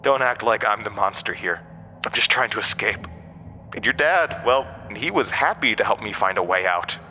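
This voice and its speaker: Speaking through deep, cavernous reverb, a low-pitched male voice cuts sharp and forceful, expressive at a moderate pace over a faint hiss. He plays an ancient, inhuman outcast, bitter and manipulative, recounting his story with mocking theatrical stress like something from a horror audio drama. The mood is persuasive and menacing.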